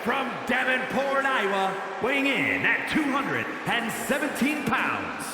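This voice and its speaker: A man as ring announcer, making formal introductions with drawn-out names over an arena PA. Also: sing-song, background noise. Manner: drawn-out, booming name announcements. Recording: echoing arena PA, loud crowd. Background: roaring arena crowd.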